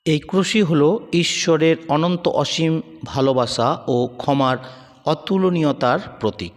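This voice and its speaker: Guy reading a sermon slow and solemn, kinda high voice. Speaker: preacher. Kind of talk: scripted devotional sermon.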